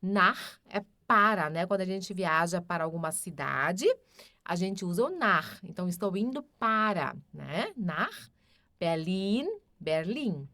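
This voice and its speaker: A woman with a Brazilian Portuguese accent teaching a grammar lesson, patiently repeating each example sentence slowly. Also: fairly low pitch, lively intonation, bright, forceful tone, dry recording. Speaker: German teacher.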